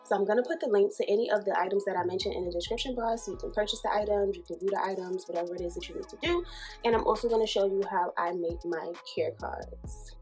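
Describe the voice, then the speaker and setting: A woman's voice: mid-range voice, fast talker, darkish tone. Woman, chatty tutorial host, calls viewers y'all, a bit out of breath, faint music under her voice. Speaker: small business owner teaching a tutorial. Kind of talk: casual how-to tutorial.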